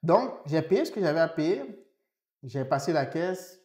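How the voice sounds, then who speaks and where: A man's voice: a little high, lively intonation, a little slow, a little mellow, reverberant. A man co-hosting a podcast, telling a story in casual chat and checking in often with his listener. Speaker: podcast co-host.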